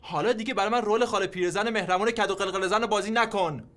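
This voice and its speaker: Resentful young son, accusing, rapid questions, slightly higher male voice, film drama. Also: a bit bright. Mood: angry. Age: young adult. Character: bitter resentful young man confronting mother. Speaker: grown son. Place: home interior.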